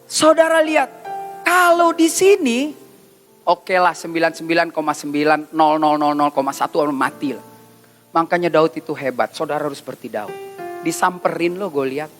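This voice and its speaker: A male pastor, preaching a lively, joking sermon in street slang at a retreat. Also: fairly high pitch, normal speed, soft background music. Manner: joking, teasing, slangy storytelling. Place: church retreat session.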